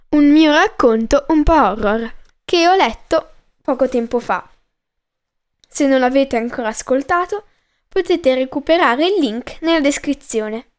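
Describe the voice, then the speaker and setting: A woman hosting a podcast and reading her own short story aloud in calm, measured first-person narration. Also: sits high.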